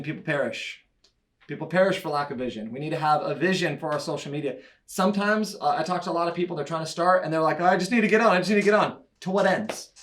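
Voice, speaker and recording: Man, somewhat high voice, enthusiastic church conference speaker, chatty asides. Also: a bit bright. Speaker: church media leader speaking at a conference breakout. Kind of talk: animated conference talk. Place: church breakout session room.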